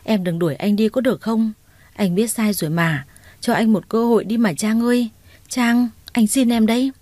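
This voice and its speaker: A woman's voice: mid-range voice, normal speed, dark tone, dry recording, natural voice. A woman voicing a remorseful young man who pleads and clings in an audio story. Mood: pleading.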